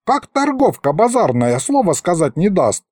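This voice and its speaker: A cranky old wizard spirit bickers in a high, squawking voice, as a man reads him aloud. His scolding runs up and down wildly and sounds close and dry, like an audiobook read. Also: big pitch swings, moderate pace, a little mellow, slightly rough, no echo, exaggerated voice. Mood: hushing. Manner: shrieking, scolding, folksy.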